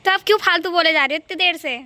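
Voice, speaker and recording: A cheeky young daughter-in-law who talks back with sass, played by a woman. Her voice is very high and bright, set against home noise in a homemade comedy skit. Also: rapid-fire. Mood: defiant. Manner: sassy, talking back.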